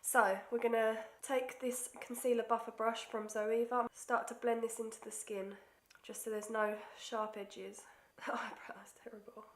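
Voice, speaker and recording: Recorded in an echoey room, this beauty vlogger is a young woman stuffed up from a cold, talking casually and poking fun at herself during a makeup tutorial. Her voice sits a little high with little pitch movement, at a moderate pace with few pauses, and she drops almost to a whisper when concentrating.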